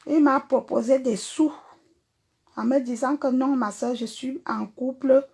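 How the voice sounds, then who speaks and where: A woman's voice: sits high, fairly even intonation, a little slow, creaky, a little mellow, slightly rough. A woman singer with a Cameroonian French accent, talking bluntly and confrontationally to viewers in a livestream rant. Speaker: singer and performer.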